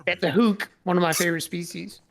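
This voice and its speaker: A man hosting a casual gaming chat, excitable, with loud exclamations. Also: sits high, fast, gravelly. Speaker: host.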